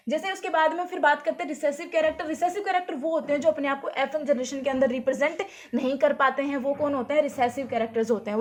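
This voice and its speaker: A woman teacher explaining at a whiteboard, asking herself questions and answering them, and repeating key points. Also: sits high. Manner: asks rhetorical questions then answers them. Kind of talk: whiteboard lesson.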